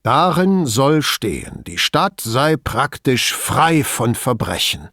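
A man's voice: medium pitch, big pitch swings, measured pace, husky, no room sound, clean studio sound. A man playing a pompous, indignant police chief. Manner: indignant, emphatic, complaining.

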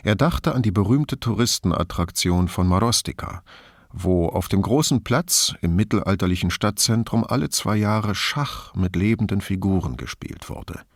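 Male audiobook narrator, low voice, measured, dry close sound. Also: no room sound. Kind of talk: scripted narration.

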